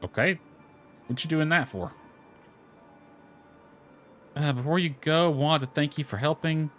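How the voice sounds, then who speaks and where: A man comments casually on his own game playthrough, reading the dialogue aloud and tossing in offhand asides. His voice is fairly high and fairly bright, and he speaks a little slowly. Lo-fi background music plays behind him.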